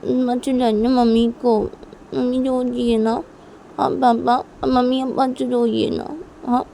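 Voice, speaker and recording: A woman's voice: fairly high pitch, level tone, a little slow, creaky, dark tone, slight background noise, pitched above the performer's own voice. A woman voicing a small daughter who pleads with her parents in a whiny, repetitive way, in a homemade story. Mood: upset pleading.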